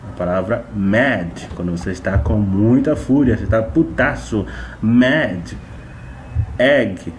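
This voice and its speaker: Slow, patient male phonics teacher. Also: on the low side, slight background noise. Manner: slow, drawn-out repetition of sounds and words. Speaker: English teacher. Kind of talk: phonics lesson for Portuguese speakers.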